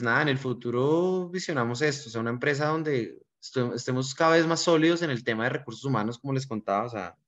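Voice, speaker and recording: A Colombian-accented restaurant owner answers interview questions, earnestly and reflectively recounting stories from his life. His medium-pitched voice is slightly bright, captured on a dull, lo-fi recording.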